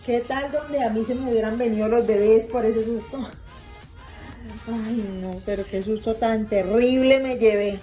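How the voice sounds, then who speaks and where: A woman with a fairly high, mellow voice tells a family story in a loose, chatty way. She circles back and repeats herself, leaning on fillers as she goes. Soft music plays faintly behind her. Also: steady tone, measured pace, rough recording. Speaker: mother vlogger. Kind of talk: casual storytelling.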